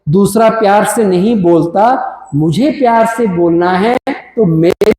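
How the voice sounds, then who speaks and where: High-voiced man giving a spiritual talk. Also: takes it slowly, mellow. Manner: asks the crowd questions, Hinglish mix. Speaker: spiritual speaker. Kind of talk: spiritual talk to a live audience. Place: large hall. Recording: echoey hall from afar.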